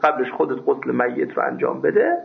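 A man's voice: mid-range voice, sing-song, creaky, crowd noise. A man teaching a seminary class on religious law, emphatic and scolding, who raises his voice at his students. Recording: tinny phone-like recording.

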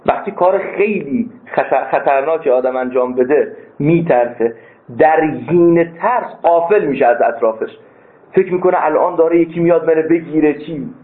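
A man teaching a philosophy class as a seminary lecturer, stressing key points with sudden leaps in pitch. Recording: tinny phone-like sound.

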